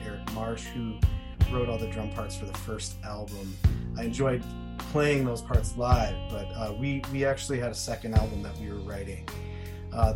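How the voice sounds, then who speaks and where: A man, a drummer, recalling his past bands in an interview, hesitant with many fillers. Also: fairly low pitch. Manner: hesitant, listing names and bands. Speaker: band drummer. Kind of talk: reminiscing interview.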